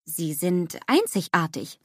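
A woman voicing an eager, innocent little male snowman with a high, excited, childlike manner. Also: slow pace, breathy edge, no room sound, clean studio sound, exaggerated voice. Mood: proud.

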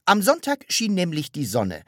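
A woman's voice: lowish voice, huge pitch swings, moderate pace, dry recording, clean studio sound, voice pushed up. A woman voicing a fussy, gloomy grown man who complains in a plaintive, exasperated way. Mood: aggrieved.

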